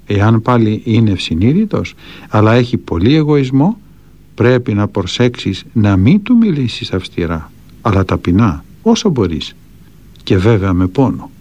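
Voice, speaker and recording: A man with a fairly low voice reads spiritual anecdotes and counsel aloud. His intonation rises and falls a lot as he tells the stories, moving from calm counsel to vivid retelling. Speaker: reader of a monk's teachings.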